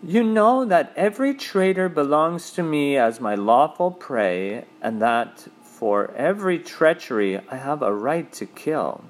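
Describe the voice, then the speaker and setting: A man voicing a cold, cruel witch queen with a shrill, imperious manner. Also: animated, a little slow, hardly any pauses.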